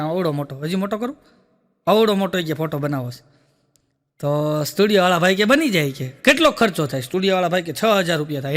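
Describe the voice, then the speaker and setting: High, bright Kathiawadi comedian man. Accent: Kathiawadi Gujarati. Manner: storytelling, tags jokes with a repeated "listen" aside. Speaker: stand-up comedian. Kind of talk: stage joke-telling. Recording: long hall reverb.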